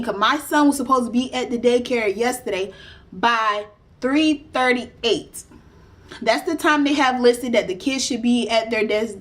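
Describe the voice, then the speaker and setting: A young woman, casually telling a story to her vlog audience and acting out what people said. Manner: animated retelling, acts out quotes with rising pitch. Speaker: vlogger.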